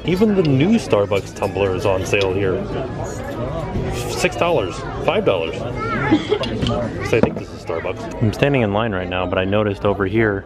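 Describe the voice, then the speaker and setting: Chatty man browsing a busy store. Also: on the low side. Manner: chatty, upbeat, listing prices while browsing. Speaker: vlogger. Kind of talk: casual vlog narration. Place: busy outlet store and parking lot. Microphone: handheld camera.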